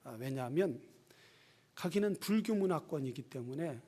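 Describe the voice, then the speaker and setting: A man preaching a sermon as pastor. He swings from shouted exhortation to a hushed near-whisper and keeps putting rhetorical questions to the congregation. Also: a little high, animated, normal speed, noisy background.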